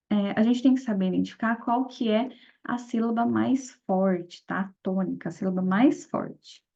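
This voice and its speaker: A woman explains grammar in an exam-prep lesson, walking through each step and often checking in with her listeners. Her mid-pitched voice carries a noticeable gravelly fry. The recording sounds dull and lo-fi. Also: a little mellow. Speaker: teacher. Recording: dull lo-fi audio.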